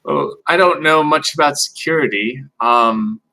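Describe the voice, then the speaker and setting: A man's voice: a little high, measured pace, pushed and bright, low-quality recording. A man playing a tabletop game, easygoing and thoughtful. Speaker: player.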